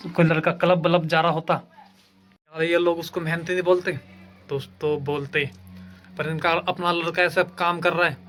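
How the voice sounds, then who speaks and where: A young man talking to his viewers in a comic, deadpan village vlog while doing chores at home. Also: a little high. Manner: deadpan joking, addresses viewers as friends. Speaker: vlogger. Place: village home, outdoors while washing clothes.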